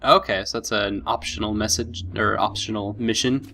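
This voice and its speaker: A man's voice: lowish voice, fairly even intonation, normal speed, sharp tone, a little hiss or hum. A man hosting a let's play with casual commentary, thinking aloud and easily impressed. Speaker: gaming video host.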